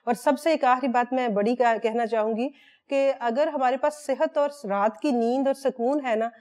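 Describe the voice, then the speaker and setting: A woman's voice: fairly high pitch, a little mellow. A woman from Pakistan, a guest speaking earnestly and devoutly about her husband on a talk show. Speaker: guest, wife of the former cricketer. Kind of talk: heartfelt talk-show chat.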